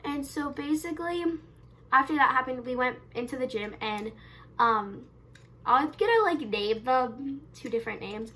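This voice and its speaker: Bright high-voiced young woman vlogger. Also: animated, normal speed. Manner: rambling, self-correcting, leans on "basically" and "um"; wide swings in loudness and pace. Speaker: YouTube vlogger. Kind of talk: casual camera vlog storytelling.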